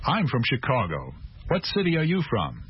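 An actor playing a friendly, inquisitive male reporter in a scripted textbook dialogue, asking questions in clear, even phrasing. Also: medium pitch, moderate pace, heavily acted. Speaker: language course dialogue actor. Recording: dull lo-fi tape with audible hiss.

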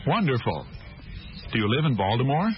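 An actor playing a friendly, inquisitive male reporter in a scripted textbook dialogue, asking questions in clear, even phrasing. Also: medium pitch, normal speed, close to an everyday voice. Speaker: language course dialogue actor. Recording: dull lo-fi tape with audible hiss.

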